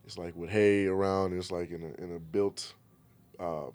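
A man speaking as a podcast guest in casual chat, laid-back and halting as he explains things. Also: low voice, fairly even intonation, a little mellow. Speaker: podcast guest, trainer and massage therapist.

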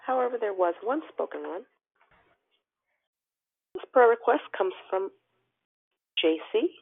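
A woman hosting a prayer call over the phone, making formal, orderly announcements and reading scripture with deliberate phrasing. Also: medium pitch, lively intonation, gravelly, husky. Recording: tinny narrow phone line.

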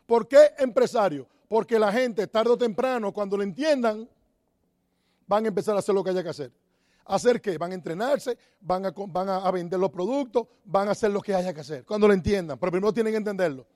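Fast-talking man, high voice. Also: a little mellow, no echo, studio quality. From Dominican Republic. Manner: asks the audience rhetorical questions, repeats key phrases. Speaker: network marketing speaker. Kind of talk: motivational talk to an audience.

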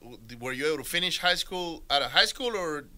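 A man's voice: fairly high pitch, lively intonation, brisk, sharp tone. A man from Venezuela hosting a casual interview, chatty and upbeat, prompting his guest with questions.

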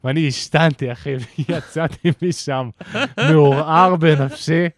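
A man's voice: fairly high pitch, steady tone, no echo. A man co-hosting a podcast in a recording studio, telling a story with lots of fillers and slang. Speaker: podcast co-host. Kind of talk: casual chat.

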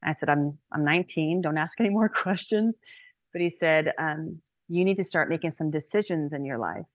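Woman, 30s, low voice, dry close recording; chatty podcast testimony full of "like" and "um". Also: moderate pace, no echo. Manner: chatty and animated, with many "like"s and "um"s. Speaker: guest speaker.

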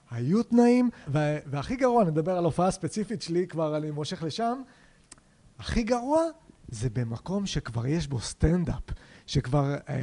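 A man's voice: fairly high pitch, mellow. A man, a stand-up comedian, reflecting in casual chat and building vivid images as he talks.

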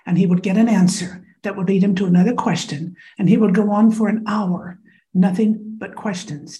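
An American woman in her fifties from Iowa is a guest in a conversational interview, speaking thoughtfully and frankly with many small fillers. Her voice is mid-range and mellow.

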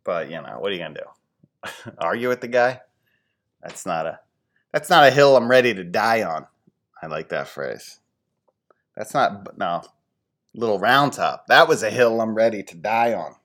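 A man in his forties from the Philadelphia area, hosting a podcast and telling casual, rambling, self-deprecating stories, getting animated when he quotes his friends. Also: lowish voice, moderate pace, pauses often. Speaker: podcast host. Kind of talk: casual storytelling monologue.

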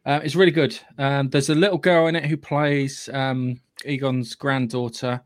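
A man with a British accent hosting a podcast, giving a casual, opinionated film review in a halting, sweary way. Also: mid-range voice, level tone. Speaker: podcast host.

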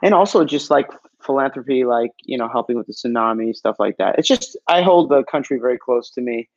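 A man from Los Angeles talking casually as a guest on a podcast, relaxed and chatty, often saying "man" and "like.". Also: medium pitch, a little fast, dry recording, highs cut off. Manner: laid-back and chatty, says "man" and "like" a lot. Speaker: guest actor and musician. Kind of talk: casual interview chat.

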